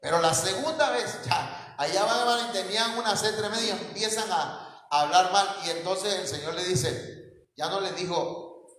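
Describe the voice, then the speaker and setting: Man, pastor, storytelling sermon, high voice, echoey church. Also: normal speed, a bit bright. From Mexico. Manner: storytelling, asks the congregation questions, chuckles at his own slips.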